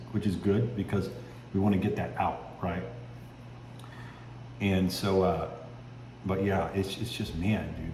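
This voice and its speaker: A man with a deep voice speaks casually to his video diary audience, his mouth held a little stiff by a sore jaw. He is laid-back and chatty. The recording is echoey, with clear background noise and rumble. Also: warm tone. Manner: stiff, restricted mouth movement from a sore jaw after surgery; laid-back, addresses viewers as guys with tags like okay and right. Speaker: vlogger.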